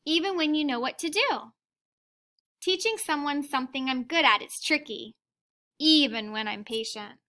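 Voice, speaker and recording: A woman reads aloud to children like a teacher, her voice sitting high. The reading is expressive and unhurried in a deliberate way, with occasional comments directed at the kids.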